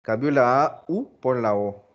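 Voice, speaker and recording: A man teaching a philology class, explaining slowly, repeating phrases and stressing example words. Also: mid-range voice, animated, lo-fi sound. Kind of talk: recorded class lecture.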